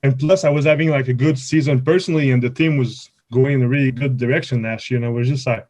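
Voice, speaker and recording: A man's voice: mid-range voice, steady tone, fast talker, a little mellow. A man in his twenties from Quebec, a native French speaker with a Quebec French accent, answering interview questions in a casual, rambling, informal way. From Quebec, Canada. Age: 20s. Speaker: college baseball player, podcast guest.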